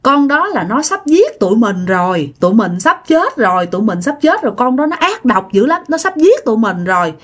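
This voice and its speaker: A woman's voice: a little high, big pitch swings, moderate pace, hardly any pauses. Woman narrator doing a frail, scared old great-grandma, Southern Vietnamese accent, repeats her pleas; folk ghost story. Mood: terrified. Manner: repetitive, pleading exclamations.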